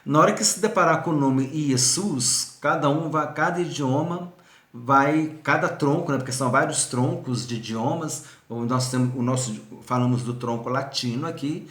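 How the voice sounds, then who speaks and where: A man's voice: medium pitch, normal speed, a bit bright, reverberant. A man teaching a recorded seminary video lesson, explaining patiently, repeating points and speaking straight to the viewer. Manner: addresses viewer directly.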